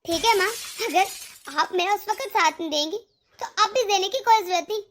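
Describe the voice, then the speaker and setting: Woman voicing a touchy young wife, very high voice. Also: moderate pace, fairly bright tone. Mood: defiant. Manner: indignant, complaining. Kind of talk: cartoon voice acting.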